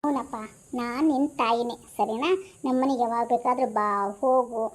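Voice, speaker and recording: A woman's voice: fairly high pitch, fairly even intonation, moderate pace, natural voice. A woman playing a fussy, kind-hearted grandmother aunty in a comic skit, fond and scolding.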